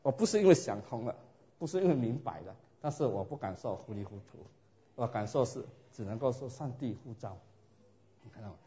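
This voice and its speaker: A man preaching a sermon and telling his own story in a lively way, often asking his listeners rhetorical questions. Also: mid-range voice, fairly quick. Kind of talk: sermon with personal testimony. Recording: dull lo-fi recording.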